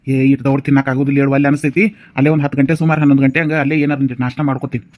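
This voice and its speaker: A man's voice: mid-range voice, little pitch movement, a little mellow, natural voice. A man voicing a middle-aged village farmer talking plainly with his wife, in a North Karnataka Kannada accent. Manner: brisk, matter-of-fact. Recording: dull lo-fi recording.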